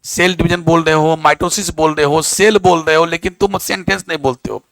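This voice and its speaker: A man's voice: a little high, steady tone, brisk, gravelly, fairly bright tone, dry recording. A male teacher giving a classroom lecture, quizzing and scolding his students.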